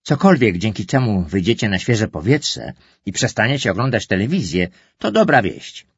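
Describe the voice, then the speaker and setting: A man voicing a relaxed, encouraging middle-aged father in a storybook reading. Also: on the low side, normal speed, breathy edge, dry recording, highs cut off, heavily acted.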